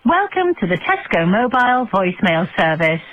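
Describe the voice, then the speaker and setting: A woman reading a polite, measured automated voicemail greeting, heard over a phone line. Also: medium pitch, sing-song. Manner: polite, measured recorded prompt. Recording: tinny telephone line with faint music.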